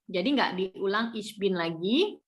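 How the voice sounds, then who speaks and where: A woman's voice: mid-range voice, a little slow, lo-fi sound. A woman teaching a live online German lesson, patiently correcting pronunciation step by step.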